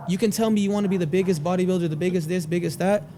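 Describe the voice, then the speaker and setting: A man's voice: sits high, fairly even intonation, racing, warm tone, slight background noise. A young man as a podcast guest, chatting casually and emphatically, with lots of bro and swearing. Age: young adult. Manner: emphatic bro-heavy talk with frequent swearing.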